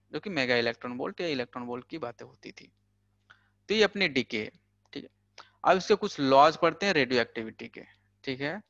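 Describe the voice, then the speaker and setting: A young man lectures on physics in a loose, chatty way, tossing in fillers and homely money examples. His voice is bright and forceful, a little high. The recording is dry and slightly dull. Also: no room sound. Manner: chatty, peppers talk with "thik hai" and "bhai"; explains with everyday money examples. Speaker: physics teacher. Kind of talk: casual Hindi lecture for exam prep.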